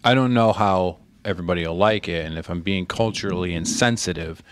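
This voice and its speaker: A man's voice: deep voice, a little fast, background noise. A man hosting a podcast in casual chat, laid-back, rambling and swearing freely. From Connecticut, USA. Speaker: podcast host.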